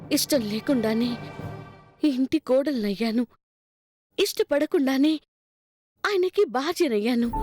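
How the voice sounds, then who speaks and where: An actress playing a wronged young wife in a TV serial, speaking in earnest, reproachful speeches. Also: female voice, high-pitched. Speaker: daughter-in-law. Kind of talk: TV serial acting. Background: background score.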